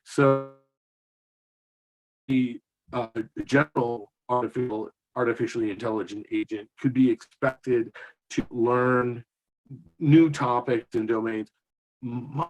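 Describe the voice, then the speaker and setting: A man speaking as a guest over a video call whose audio cuts in and out, so his volume keeps rising and dipping, and he talks haltingly with many restarts. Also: mid-range voice, steady tone, darkish tone, low-quality recording. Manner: halting, full of restarts and fillers. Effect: choppy call audio with uneven, dipping volume. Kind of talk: remote panel discussion.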